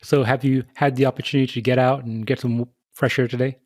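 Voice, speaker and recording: A man hosting a podcast interview, reading measured, scripted introductions and asking questions. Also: medium pitch, little pitch movement, darkish tone, dry recording, clean studio sound. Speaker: podcast host.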